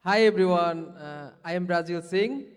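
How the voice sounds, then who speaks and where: A man's voice: sits high, normal speed, slight background noise. A man from Bangladesh, a new board director, introducing himself hesitantly with restarts. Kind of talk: panel self-introduction. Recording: large hall reverb.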